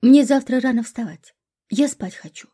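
A woman's voice: on the high side, normal speed, warm tone, breathy edge. A woman voicing a sensible, weary young woman who grumbles at her friend. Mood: grumbling.

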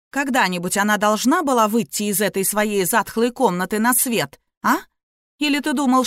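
A woman reading a sly, capricious young woman who talks sleepy and tender or sharp and snappish. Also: medium pitch, dry recording, clean studio sound, close to an everyday voice.

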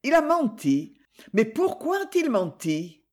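A reader voicing a candid, probing young woman who speaks softly and earnestly in an audiobook. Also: mid-range voice, sing-song, takes it slowly, pitched above the performer's own voice.

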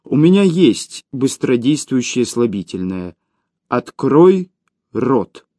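A man voicing an invisible male dungeon spirit who speaks calmly and seriously with dry, dark humor. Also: medium pitch, slow, no room sound. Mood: mocking. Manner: calm, serious, dryly mocking.

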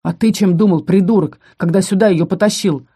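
A woman voicing a brash young male combat student who mocks and barks at others, in a dark, low voice. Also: animated, normal speed. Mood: angry. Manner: loud, sneering, barking.

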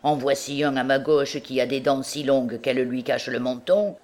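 A woman's voice: rumbling low, normal speed, darkish tone, some chatter behind. A woman voicing a rowdy, boastful drunken young male student in an audiobook, exclaiming and laughing. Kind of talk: audiobook character reading.

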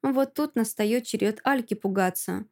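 A woman's voice: a little high, moderate pace, darkish tone. Woman reading a dramatic audiobook. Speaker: audiobook reader. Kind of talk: first-person audiobook narration.

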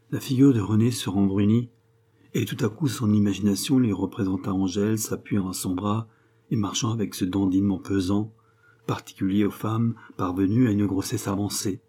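Male audiobook narrator, low pitch, husky, dark, measured. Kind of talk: scripted narration.

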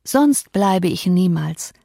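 A woman's voice: on the low side, expressive, slow pace, vocal fry, mellow, dry recording, studio quality, exaggerated voice. A woman voicing a feverish, delirious young woman who speaks in a raised, exalted, pleading way. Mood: delirious yearning.

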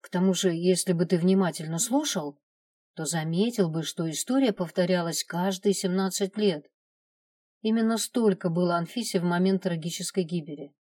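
A woman's voice: on the low side, moderate pace, dark tone, husky, no echo, studio quality, far from the mic. A woman voicing an irritated young woman who insists on explaining her own ghost story at a campfire.

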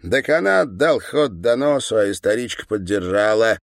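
A man reading an audiobook, voicing a complacent middle-aged mother in a flat, matter-of-fact manner. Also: fairly low pitch, moderate pace, vocal fry, no room sound, studio quality.

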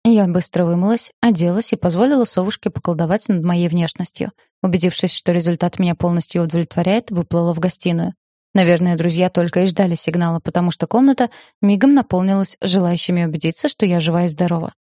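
A woman reading a first-person fantasy novel aloud, measured and lightly ironic. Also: fairly low pitch, fairly even intonation, dark tone, no echo, clean studio sound. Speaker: audiobook narrator.

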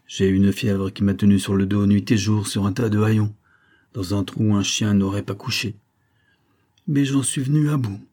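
A man voicing a sick, exhausted and vengeful male vagabond who speaks gruffly and bitterly. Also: fairly low pitch, fairly even intonation, moderate pace, mellow, close to an everyday voice.

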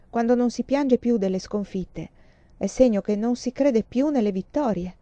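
A woman's voice: medium pitch, dark tone, no echo, close to an everyday voice. A woman voicing a mature, ambitious woman writer who speaks in intense, rueful bursts, on a dull lo-fi recording. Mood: weary.

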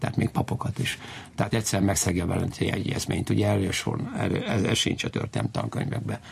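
A man with a low, gravelly, husky voice and a steady tone explains history informally in an interview. He's emphatic and digressive, often repeating his key points.

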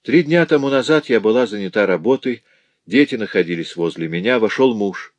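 A man's voice: on the low side, expressive, fairly quick, no room sound, natural voice. A man voicing a poor, grieving woman who tells of her husband's cruelty in a sorrowful, pleading way.

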